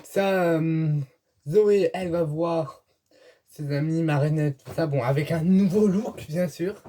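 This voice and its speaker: A man's voice: a little high, slow, dark tone. A man giving a casual, rambling video review to his viewers, chatty and hesitant, filmed indoors at home. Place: indoors at home, dim light.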